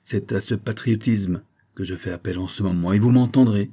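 An earnest older uncle who presses his point in an insistent, pleading way, read by a man in an audiobook. The voice is low, dark and mellow. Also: moderate pace, slightly rough.

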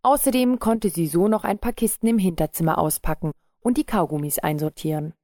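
A woman narrating a story in a calm, measured reading. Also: fairly low pitch, dry recording, studio quality. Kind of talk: scripted audiobook narration.

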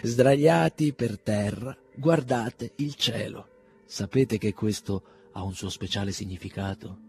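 A man voicing a fussy, doting old retired army doctor who speaks slowly and draws out his words. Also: lowish voice, creaky, warm tone, slightly rough, exaggerated voice.

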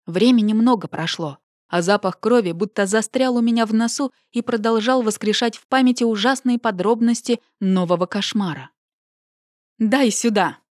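A woman narrating a first-person audiobook with an expressive, emotional reading. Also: a little high, normal speed, hardly any pauses, dry recording, studio quality.

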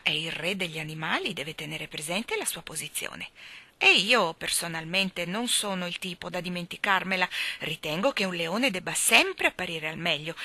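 A woman's voice: fairly low pitch, pushed and bright, no room sound, heavily acted. A woman reading a storybook voices a pompous, vain male lion who speaks in an affected, grand manner.

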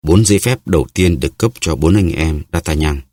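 A man narrating an audiobook novel in a steady storytelling manner. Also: very deep voice, brisk, dry recording, studio quality. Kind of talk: scripted narration.

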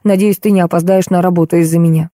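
A woman's voice: on the low side, fairly even intonation, quick pace, dark tone, no echo, clean studio sound, natural voice. A woman voicing a clumsy, blunt man who grumbles and then defends himself, barely changing her own voice. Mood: plain. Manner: gruff, defensive. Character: flustered male driver, clumsy and blunt.

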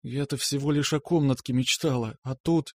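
A man voicing an excitable, pregnant young bride who talks in squeaky, eager exclamations. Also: normal speed, dry recording, natural voice. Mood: tearful.

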